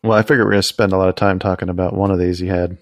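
A man with a low, gravelly voice co-hosts a casual finance podcast, dropping wry quips and short replies. His voice is recorded dry and close. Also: flat delivery, racing, no echo. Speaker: podcast co-host.

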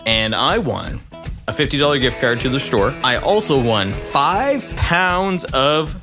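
A man's voice: medium pitch, expressive, unhurried, music in the background. A man co-hosting a casual podcast, joking and bantering with his friend. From Canada. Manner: jokey, playful banter. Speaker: podcast co-host.

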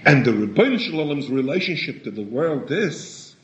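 A man giving a sermon in a halting way, often repeating words and rising in pitch for emphasis. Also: big pitch swings. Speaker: rabbi. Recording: echoey room, dull lo-fi sound.

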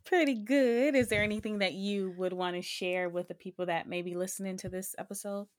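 A woman's voice: mid-range voice, fairly even intonation, brisk. A young adult woman hosting her own podcast, talking in a reflective, casual way with frequent ums. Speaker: podcast host.

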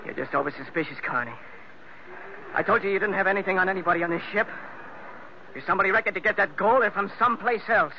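Curt, quick, high-voiced ship's officer. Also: male voice. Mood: defensive. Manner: curt, tense. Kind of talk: 1940s radio acting. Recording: muffled, noisy old radio recording.

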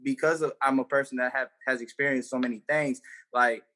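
A man's voice: medium pitch, fairly even intonation, brisk, pushed and bright. A young man, a comedian, chatting casually on a podcast in loose slang with lots of fillers and restarts. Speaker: comedian guest.

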